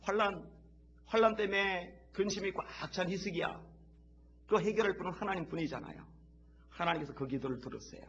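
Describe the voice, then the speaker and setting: A man preaching a sermon as pastor in a church, leading the congregation to repeat after him and rising from quiet talk to loud, impassioned shouts. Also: sits high, brisk, dull audio, a little hiss or hum. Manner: leads the congregation in call-and-repeat. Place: church sanctuary.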